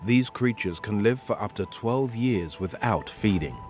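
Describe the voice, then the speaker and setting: A man's voice: fairly low pitch, animated, a little slow, a little mellow. A man reading scripted narration for a nature and science documentary. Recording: music under the voice. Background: prominent background music.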